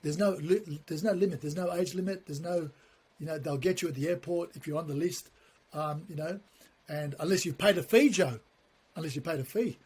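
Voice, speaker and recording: A man, a podcast guest telling stories in a lively, animated way and acting out the dialogue. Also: fairly high pitch, a little fast, slightly rough. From born in Turkey, raised in Australia. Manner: animated storyteller who acts out dialogue. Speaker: guest, comedy writer. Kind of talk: casual podcast conversation.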